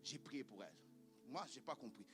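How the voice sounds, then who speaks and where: A man, a native Lingala speaker, preaching an impassioned sermon as pastor in a church, often rising to shouts. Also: mid-range voice, lively intonation, fairly quick, music in the background.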